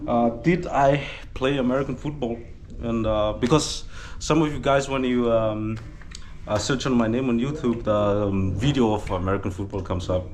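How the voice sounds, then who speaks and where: Background noise surrounds a mid-range male voice: a Danish vlogger in his twenties, with some Fijian coloring to his accent, hesitantly taking viewer questions in a relaxed chat full of fillers at a Fijian village gathering.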